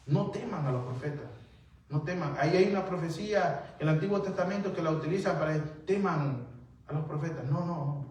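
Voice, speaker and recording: A man's voice: fairly high pitch, darkish tone, a little hiss or hum. A male pastor giving a conversational sermon, often calling listeners "brother" and acting out little dialogues. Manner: keeps addressing listeners as "hermano", acts out dialogues. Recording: very echoey hall, voice from far off.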